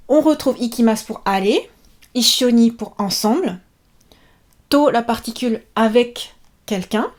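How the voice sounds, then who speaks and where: Woman, casual online language teacher, fairly high voice, bouncy and chatty with lots of fillers. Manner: lively, chatty, many fillers, playful asides. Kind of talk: casual video lesson.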